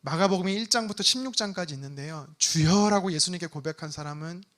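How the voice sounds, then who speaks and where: A man's voice: high voice, quick pace. A male pastor preaching a Sunday sermon, telling a personal story with acted-out prayers. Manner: animated storytelling with prayer re-enactments.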